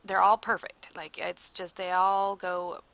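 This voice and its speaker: A woman's voice: on the low side, flat delivery, a little slow, a bit bright, no room sound. A tired woman giving a casual voiceover for a craft video, rambling and searching for words with frequent ums. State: yawning, tired. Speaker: crafter narrating a process video.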